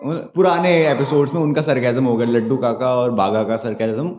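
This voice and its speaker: Relaxed male podcast host, mellow voice. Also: mid-range voice, normal speed, a little hiss or hum. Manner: relaxed, chummy, short reactions. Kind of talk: casual podcast chat.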